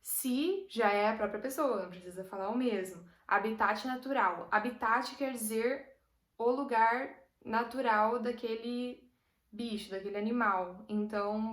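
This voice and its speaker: Brazilian woman teacher, kinda high voice, chill patient explaining, echoey room sound. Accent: Brazilian Portuguese. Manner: patient, explains with everyday examples. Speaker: Portuguese language teacher. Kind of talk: casual explanatory lesson. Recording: roomy echo.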